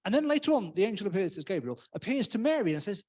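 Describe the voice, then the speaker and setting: A man's voice: high voice, big pitch swings, fast talker, darkish tone. A man giving a casual, humorous sermon in a church, often acting out voices. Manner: chatty, humorous, acts out voices. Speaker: preacher.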